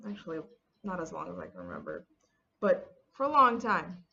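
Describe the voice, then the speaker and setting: A woman's voice: fairly low pitch, huge pitch swings, moderate pace, vocal fry, pushed and bright, lo-fi sound, a little hiss or hum. A woman in her early thirties chatting casually in a get-ready-with-me vlog, telling stories with lots of "like" and retold dialogue. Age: 30s. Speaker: beauty vlogger.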